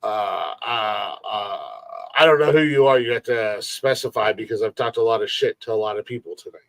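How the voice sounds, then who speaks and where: A man's voice: on the low side, normal speed, dry recording. A man in his forties hosting a casual live-stream podcast, rambling, repeating himself and swearing freely. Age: 40s. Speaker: podcast host.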